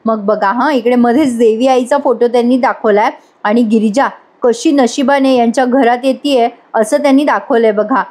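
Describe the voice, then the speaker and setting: Woman, serial recap voice-over, chatty, talks to viewers, slightly high pitch. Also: moderate pace, darkish tone. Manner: chatty, addresses viewers directly. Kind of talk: casual episode recap narration.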